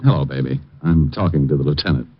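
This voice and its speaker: An actor with an extremely low voice plays a cool, wisecracking private eye from 1940s-50s radio drama, here flirting smoothly at a quick pace while narrating his case in dry hardboiled style. The recording has a dull vintage sound and faint music.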